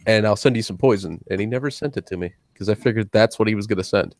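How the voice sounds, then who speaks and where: A man's voice: on the low side, fast talker, darkish tone, no echo, studio quality. A man co-hosting a casual chat, jokey and laughing often.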